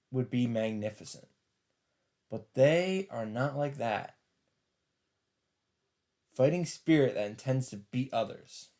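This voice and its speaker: A man with a mellow, mid-range voice does a let's play, reading visual novel narration aloud. He adds casual commentary that's sometimes sweary.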